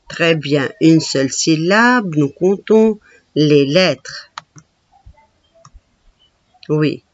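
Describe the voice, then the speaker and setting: A woman teaching a reading lesson, slowly splitting words into syllables and patiently counting letters with her pupils. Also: low voice, dry recording, lo-fi sound.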